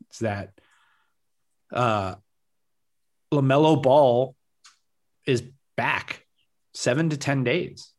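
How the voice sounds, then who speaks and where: A man co-hosting a basketball podcast in casual chat, rambling and second-guessing himself and laughing easily as he talks. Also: mid-range voice. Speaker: podcast co-host.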